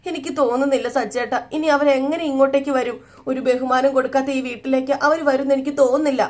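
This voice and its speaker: A woman's voice: high-pitched, steady tone, fast talker, darkish tone, voice pushed up, lightly acted. A woman voicing a young wife who pours out her hurt over her family's humiliation. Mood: aggrieved. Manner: aggrieved, tearful pleading.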